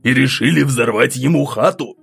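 A male narrator voicing a gruff, angry middle-aged count who grumbles at his wife and daughter. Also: medium pitch, moderate pace, fairly bright tone, soft background music, heavily acted. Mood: angry grumbling.

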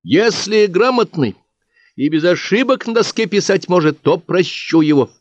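Casting: young female village teacher, earnest and firm, voiced by a male reader, pitched up. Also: expressive, moderate pace, no room sound. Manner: earnest, explaining. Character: young village schoolteacher, woman, tearful but firm. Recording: dry, slightly dull audiobook recording.

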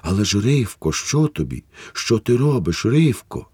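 A man's voice: fairly low pitch, expressive, a little slow, darkish tone, no room sound, studio quality, pitched above the performer's own voice. A man reading aloud and voicing a nervous, pleading husband in a somewhat raised voice. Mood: bewildered. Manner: pleading, stammering. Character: flustered middle-aged husband, pleading and nervous.

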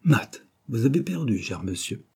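A man's voice: on the low side, lively intonation, moderate pace, mellow, breathy edge. A man voicing a jovial, amorous middle-aged traveller in a read-aloud novel, speaking cheerfully in a slightly raised voice.

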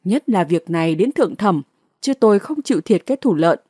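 A woman's voice: on the low side, animated, fairly quick, warm tone, husky, no echo, studio quality. A woman narrator voicing an angry, blustering male village headman. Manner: blustering, threatening.

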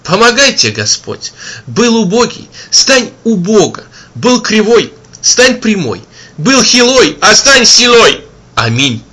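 A man's voice: on the high side, lively intonation, slow, bright, forceful tone, pitched above the performer's own voice, exaggerated voice. A man voicing an old wandering holy man who speaks in a folksy, sermonising cadence.

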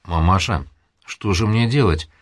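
A man's voice: sits low, a little slow. A man doing a panicked young wife. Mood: despairing.

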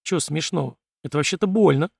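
A man's voice: a little high, brisk, gravelly, a little mellow, breathy edge, dry recording, clean studio sound. Man voicing a stubborn, cheeky young woman drifter. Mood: sulky. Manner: blunt, cheeky, slangy retorts.

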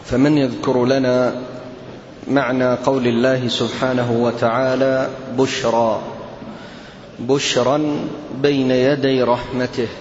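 A man's voice: medium pitch, level tone, a little slow, long pauses, a little hiss or hum. A male Islamic teacher running a formal question-and-answer lesson, quizzing his students one by one. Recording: echoey hall, dull lo-fi sound.

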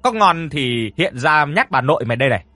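A man's voice: on the high side, sing-song, a little fast, bright, forceful tone, no echo, full character voice. A man voicing a harsh older landowner's wife who screams and scolds her servants. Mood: furious shrieking.

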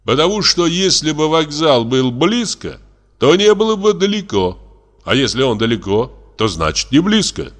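A man reading a play aloud, voicing a mocking army captain who taunts in a thin squeaky falsetto. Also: very animated, normal speed.

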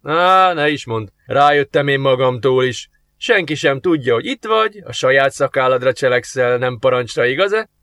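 A man's voice: medium pitch, lively intonation, fairly bright tone, smooth, no echo, natural voice. A man voicing a sardonic, cocky male demon in human guise, talking in a mocking, sarcastic way for an audiobook.

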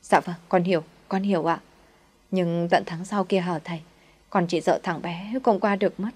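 A woman reader plays a poor old mother in a storybook tale. She begs humbly and tearfully. Her pleading voice sits a little higher and thinner than the narration. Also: steady tone, normal speed, darkish tone, breathy edge.

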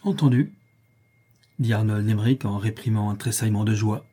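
A man narrating a story aloud in a measured, storytelling way. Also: lowish voice, flat delivery, dark tone, slightly rough. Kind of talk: audiobook reading.

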